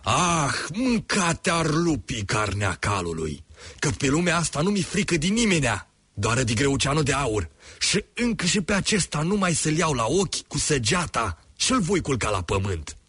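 A man's voice: mid-range voice, fairly bright tone, husky, dry recording, pitched above the performer's own voice. A man voicing a huge, furious, boastful old monster father in a storybook tale, roaring his threats. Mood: enraged.

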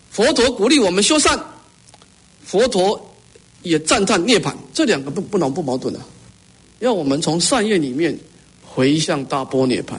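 High-pitched husky man giving a dharma talk. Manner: earnest, rhetorical questions, repeats words when emphasizing. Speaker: Buddhist teacher. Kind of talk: dharma lecture.

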